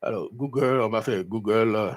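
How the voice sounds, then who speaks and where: A man with a lowish voice hosts a live talk show at a normal pace, a crowd audible in the background. Animated and indignant, he delivers political commentary while searching online as he talks.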